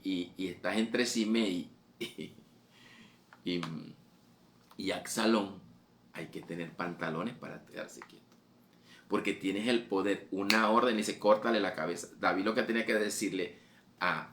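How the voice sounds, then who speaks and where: Gravelly low-voiced male preacher. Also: a bit bright. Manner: fervent, repetitive, voice rising on quoted exhortations. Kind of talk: sermon.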